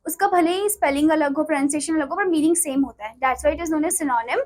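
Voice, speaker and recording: A woman teacher reading word lists to students, speaking slowly and explaining quickly in Hindi. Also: high voice, a little mellow, poor audio. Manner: slow deliberate English, quick Hindi explanations.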